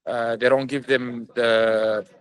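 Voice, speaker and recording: Young male fighter, guest in an interview, mid-pitched voice, speaks earnestly and stops to search for words. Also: little pitch movement, low-quality recording. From England. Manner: earnest, halting with many fillers. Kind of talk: remote interview answers.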